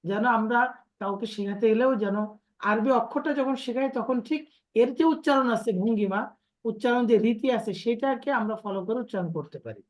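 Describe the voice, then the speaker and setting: Her voice sits a little high and moves fairly quickly as she teaches Quran recitation online. The lesson covers letters and pronunciation, and she patiently explains before having students repeat after her.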